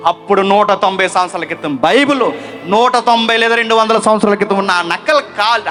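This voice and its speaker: A male preacher giving a sermon, swinging between loud emphatic lines and low hushed ones. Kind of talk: Telugu sermon.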